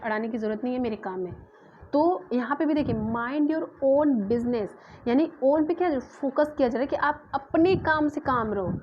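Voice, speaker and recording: Woman, young, high voice, grammar teacher, slow emphatic example sentences, muffled lo-fi sound. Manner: explains in Hindi, reads English examples slowly and emphatically. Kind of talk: classroom grammar lesson.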